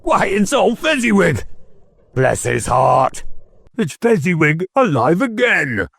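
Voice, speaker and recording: A man voicing an old miser who speaks in quick, excitable exclamations. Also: fairly high pitch, no echo, clean studio sound, voice pushed up, heavily acted. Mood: excited. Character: old male miser, stirred by memories.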